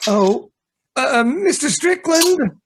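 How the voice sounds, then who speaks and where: The actor gives a heavily theatrical turn as a nervous, deferential valet with a hidden treacherous streak, in an amateur radio play. His extremely high voice is very animated but slow, with his servant's delivery hesitant and polite, and a little hiss or hum runs under the recording.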